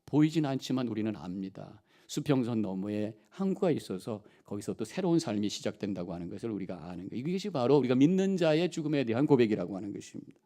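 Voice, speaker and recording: A middle-aged male pastor preaching a sermon, impassioned, rising loud on key phrases and dropping soft in between. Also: medium pitch, animated, fast talker, hardly any pauses.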